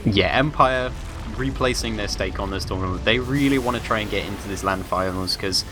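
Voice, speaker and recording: A man's voice: fairly low pitch, fairly quick, over music. A man casting an esports match, talking through the game in a chatty, rambling way. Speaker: esports commentator. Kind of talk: casual esports commentary.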